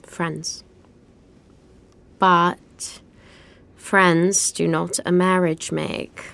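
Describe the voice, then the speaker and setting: An actress playing a prim, guarded young noblewoman with a dry, measured way of talking. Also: fairly low pitch, little pitch movement, creaky, a bit bright, exaggerated voice.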